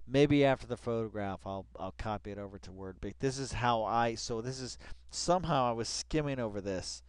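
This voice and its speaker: A man reads an article briskly in a mid-range, clean-toned voice with no room sound. Along the way he offers rambling, casual, profane commentary, muttering asides and repeating phrases in an exasperated manner.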